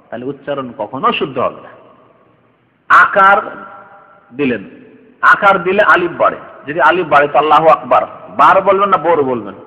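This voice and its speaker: A man's voice: on the high side, bright, forceful tone. A man preaching a sermon, explaining Arabic phrases and asking his listeners rhetorical questions. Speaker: Islamic preacher. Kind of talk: sermon lecture. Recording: dull lo-fi recording with long hall reverb.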